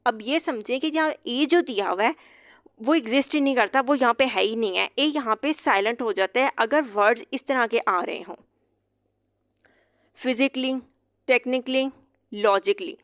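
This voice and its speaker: A woman teaching an explanatory lesson, patient and repeating each example word slowly. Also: fairly high pitch, no room sound, studio quality. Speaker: English teacher.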